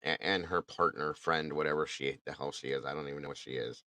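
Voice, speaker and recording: Deep voiced guy ranting about a case, blunt, swears, dry mic. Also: steady tone, fast talker, sharp tone, no room sound. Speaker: true crime podcast host. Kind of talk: casual chat.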